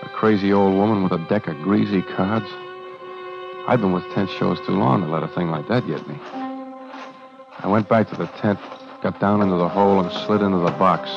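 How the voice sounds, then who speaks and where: A man playing a grim, wary carnival showman who narrates his own story in tense, clipped, hard-boiled lines, in an old radio drama. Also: sits low. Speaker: narrator and lead character. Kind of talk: 1940s radio acting. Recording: dull lo-fi old radio recording with music.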